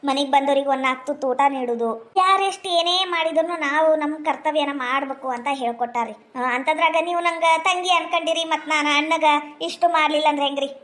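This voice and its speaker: Middle-aged woman, North Karnataka accent, high and bright, homely scolding housewife for a dialect comedy sketch. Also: fast talker. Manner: chatty, scolding homely talk. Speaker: village housewife in a comedy skit.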